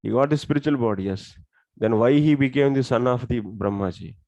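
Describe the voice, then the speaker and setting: A scripture teacher with a South Indian accent walks through a religious lesson step by step, often posing questions to his listeners. His medium-pitched voice is brisk and mellow, recorded with no room sound and somewhat dull audio.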